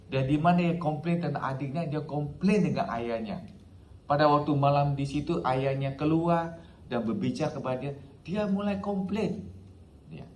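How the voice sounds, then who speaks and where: A man's voice: on the high side, a little mellow, slight background noise. A male pastor preaching a sermon, dropping English phrases into his talk and punctuating it with a frequent "ya". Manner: mixes English phrases into preaching, repeats "ya" often. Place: church hall. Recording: echoey hall, faint ambience.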